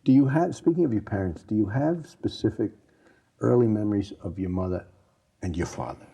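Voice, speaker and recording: An older male interviewer with a low, husky, very dark voice. He keeps the talk going with short encouraging replies and gently leading questions. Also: lively intonation, a little fast. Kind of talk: oral history interview.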